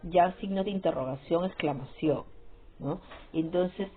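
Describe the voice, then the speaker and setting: Female teacher, slow deliberate delivery, repeats herself, tinny phone-quality recording with faint music. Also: lowish voice. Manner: repetitive, checks with frequent "¿sí?" and "¿no?". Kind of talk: classroom grammar lesson.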